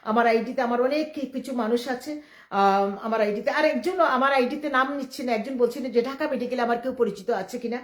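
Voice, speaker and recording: A middle-aged woman from Bangladesh, speaking in a rambling live-stream monologue. She talks quickly and emphatically, often defiant, with many restarts. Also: on the high side. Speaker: livestreamer. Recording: echoey room.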